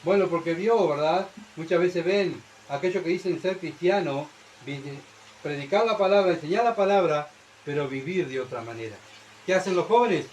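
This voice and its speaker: A man's voice: on the high side, normal speed, a little mellow, a little hiss or hum, poor audio. A man with a Uruguayan Spanish accent preaching a sermon in church, who keeps asking the congregation rhetorical questions and checking with "¿verdad?".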